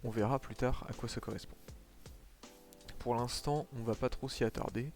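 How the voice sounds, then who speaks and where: A man's voice: medium pitch, fairly even intonation, normal speed, a little mellow. A man streaming a game live, talking casually to his viewers and explaining as he plays, with lots of fillers. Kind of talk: casual gameplay commentary. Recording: faint music behind.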